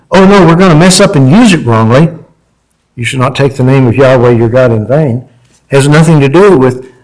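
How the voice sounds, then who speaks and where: A man's voice: mid-range voice, darkish tone, rough recording. Conversational male Bible teacher. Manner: conversational, asks the audience questions, voices God in quotes. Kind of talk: informal sermon teaching.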